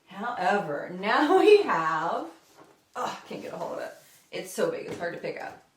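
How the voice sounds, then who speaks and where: This book chat to camera comes from a woman with a mid-range, sing-song voice at a moderate pace, recorded in an echoey home room. She is chatty and wandering, repeatedly fixing what she has just said.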